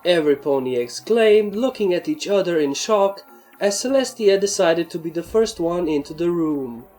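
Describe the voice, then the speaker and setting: Woman, fanfic reader, first-person narration, steady, plain. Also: fairly low pitch, normal speed, soft background music.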